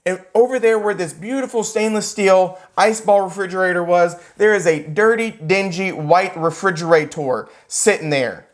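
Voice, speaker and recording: Lively male real estate instructor. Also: high-pitched, moderate pace, few pauses. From United States. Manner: animated, joking, acts out characters. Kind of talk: classroom lecture with storytelling. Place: classroom.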